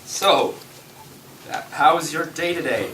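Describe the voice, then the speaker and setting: An actor playing an eager, deferential inventor, excitable and prone to stammering, in scripted film dialogue. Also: male voice, a little high, slow. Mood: nervously upbeat. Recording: echoey room, distant mic, noisy clicks.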